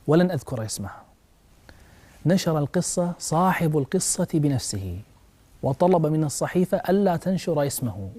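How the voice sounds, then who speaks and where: A male preacher with a mellow, husky voice pitched on the high side delivers a religious talk. He tells a story passionately, his voice rising sharply at dramatic moments, and speaks to his listeners directly as brothers and sisters.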